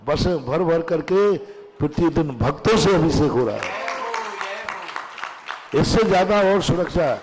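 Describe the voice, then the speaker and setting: Brief: male monk, forceful repetitive delivery, somewhat high voice, long hall reverb. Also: a little hiss or hum. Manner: emphatic, repeats key phrases. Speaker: monk answering questions. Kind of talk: question-and-answer discourse.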